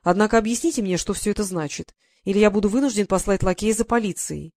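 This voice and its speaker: A reader doing stern cold aristocratic lord. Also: male voice, sits high, fast, a little mellow, dry recording, clean studio sound. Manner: stern, interrogating.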